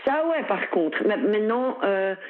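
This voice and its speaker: A woman's voice: mid-range voice, animated, measured pace. Middle-aged belgian woman chatting away, lots of euh and laughs, sounds like a phone line. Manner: chatty, many fillers, frequent laughs. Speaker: interview guest. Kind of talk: casual conversational interview.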